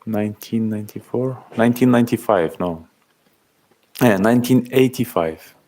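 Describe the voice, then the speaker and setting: A man in his thirties from Algeria, chatting casually on a livestream, reading out and thanking viewers' comments in halting speech. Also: on the low side, warm tone. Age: 30s. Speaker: livestream host. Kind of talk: casual live-stream chat.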